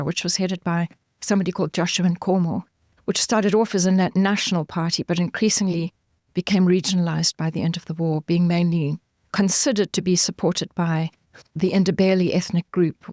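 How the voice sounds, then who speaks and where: A woman's voice: lowish voice, fairly even intonation, a little mellow, no echo, studio quality. Earnest middle-aged woman from Zimbabwe. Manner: measured, earnest, with frequent ums. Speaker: guest, forensic anthropologist. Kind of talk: thoughtful interview answers.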